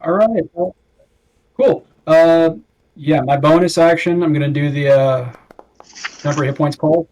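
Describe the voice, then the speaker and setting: A man with a somewhat high voice plays a tabletop game. He talks casually, reasoning out loud in a conversational way as a player among friends. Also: measured pace, pauses often, rough recording. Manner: thinks aloud.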